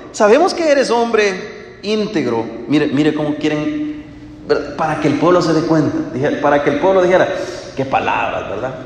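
A man preaching a sermon, asking the listeners rhetorical questions and swinging between loud and hushed. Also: high-pitched. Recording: echoey hall.

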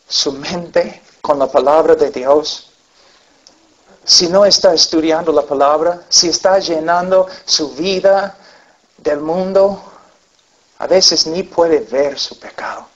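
A man preaching a sermon to a congregation, telling stories earnestly and acting out the people in them, on a dull lo-fi recording. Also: on the high side. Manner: earnest storytelling with acted-out voices.

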